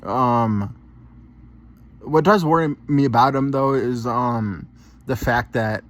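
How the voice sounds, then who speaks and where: A gaming channel commentator with a mid-range voice talks slowly through a casual reaction. He rambles and repeats himself, swears, and tacks "man" onto the end of many phrases.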